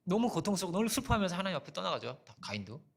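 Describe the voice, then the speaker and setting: This pastor, a middle-aged man, has a high voice with vocal fry and a sing-song lilt, and he talks very fast. In a conversational preaching style, he tells personal anecdotes, asks rhetorical questions, and often says "어?".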